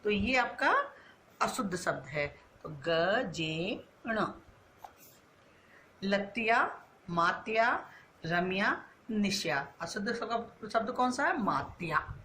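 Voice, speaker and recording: A woman teaching a school class, her voice bright and clear. She poses a question and answers it herself, slowly drawing out each key word. A faint hiss sits under the recording. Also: mid-range voice, very animated. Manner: asks questions and answers them herself, drawn-out words. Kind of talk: online class lesson.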